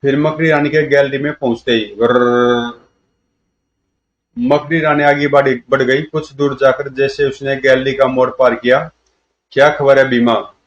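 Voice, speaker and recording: A male storyteller reads out a comic-book adventure with dramatic flair. His voice sits at a middling pitch, and the recording is dull and lo-fi. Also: flat delivery, normal speed, hardly any pauses.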